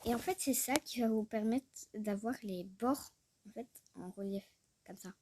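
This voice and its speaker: Showing a screen-recorded tutorial, this female YouTuber rambles in casual chat, talks to herself and frequently drops to a murmur. Her voice is on the high side at normal speed, with a noisy background.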